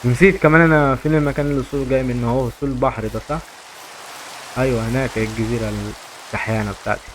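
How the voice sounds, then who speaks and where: Fast-talking Egyptian man commenting on gameplay. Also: mid-range voice, steady tone, slight background noise. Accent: Egyptian Arabic. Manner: chatty, talks to viewers, repeats himself. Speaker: gaming YouTuber.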